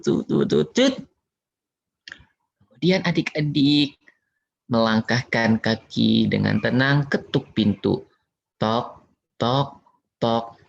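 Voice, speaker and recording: With a gravelly, mid-range voice, a man who teaches religion to children tells them a playful story as a lesson. He acts out knocks and other sounds, adding little chuckles, on a dull lo-fi recording.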